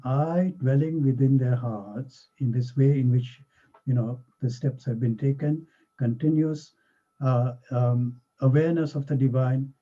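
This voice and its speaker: A man teaching a scripture class, explaining verses step by step in an earnest, unhurried way with small fillers. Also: medium pitch, mellow, breathy edge, dull audio. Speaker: spiritual teacher.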